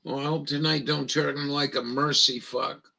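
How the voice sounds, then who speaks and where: A man's voice: mid-range voice, fairly even intonation, normal speed, creaky, pushed and bright, poor audio. A man with a Maine accent, hosting a livestream in crude, joking, rambling chat and mockingly reading things aloud. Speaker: livestream host.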